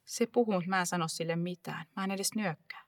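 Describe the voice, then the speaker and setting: A woman performing a dramatic first-person monologue with an intense, hushed delivery. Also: lowish voice, steady tone, no room sound.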